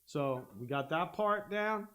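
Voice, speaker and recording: A man teaching a guitar lesson on a live stream, explaining step by step and humming out rhythms, with loud guitar playing behind him. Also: high voice, lively intonation, takes it slowly. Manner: explains step by step, hums rhythms, checks in with "okay?". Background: guitar playing and looper.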